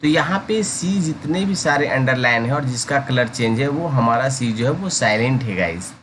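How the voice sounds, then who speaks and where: A man teaching English pronunciation in Hindi, repeating each word slowly and calling his listeners guys. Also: mid-range voice, animated, a bit bright, a little hiss or hum. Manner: slow, drawn-out repetition of each word. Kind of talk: pronunciation lesson.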